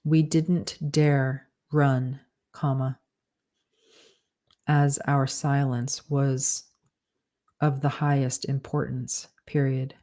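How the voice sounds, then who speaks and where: An author slowly dictating a story, calling out every comma, period and quote mark and saying "undo" after slips. The voice stays flat and dark, with an unhurried, even pace. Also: mid-range voice. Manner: says punctuation aloud and corrects with "undo". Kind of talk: slow dictation with spoken punctuation.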